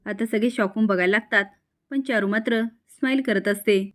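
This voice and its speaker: A woman retelling a TV serial episode in steady storytelling narration. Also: medium pitch, a little fast.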